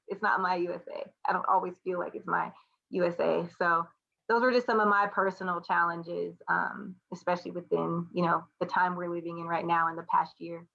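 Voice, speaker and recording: An American woman, an artist, educator and student panelist, talks candidly and conversationally in a reflective discussion. Her voice is lowish and a bit bright, though the recording is muffled.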